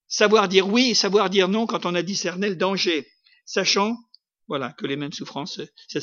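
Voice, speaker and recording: High-voiced lively French preacher. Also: male voice. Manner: lively preaching, rising to emphatic peaks. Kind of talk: sermon. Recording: slightly dull lo-fi recording.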